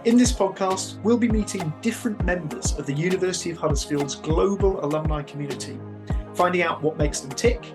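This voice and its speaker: A man's voice: sits high, a little fast, music in the background. A man hosting an interview podcast, introducing the show and putting questions to his guest. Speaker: podcast host, university careers consultant.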